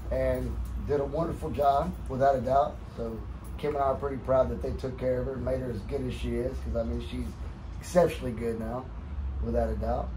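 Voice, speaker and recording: A man's voice: mid-range voice, mellow. Middle-aged man, cowboy drawl, noisy room. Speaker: cowboy poet. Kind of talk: casual talk and recited cowboy poetry. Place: boot shop, indoors. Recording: noisy shop room ambience.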